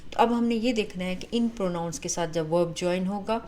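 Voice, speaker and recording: Woman grammar teacher, Urdu accent, slightly low voice, patient drill delivery, faint hiss behind. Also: warm tone, low-quality recording. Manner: drills word forms slowly and clearly; mixes English terms into her explanations. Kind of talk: online grammar lesson.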